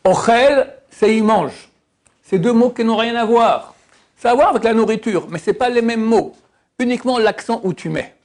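In a relaxed lesson on how to pronounce Hebrew, a fairly high-voiced religious teacher drags example words out, half-singing some of them. Lively and playful, he teases his listeners now and then along the way.

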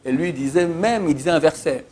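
A man's voice: on the high side, a little fast. A man giving an informal Torah class, telling anecdotes with emphatic repetitions and many hesitations. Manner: animated storyteller, emphatic repetitions, frequent filler "euh". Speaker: Torah teacher. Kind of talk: informal religious teaching with anecdotes.

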